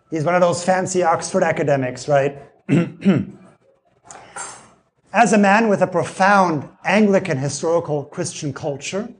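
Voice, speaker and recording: A man giving an evening theology lecture while losing his voice, often clearing his throat and restating his phrases. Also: fairly high pitch. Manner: explains by restating phrases and asking "see?".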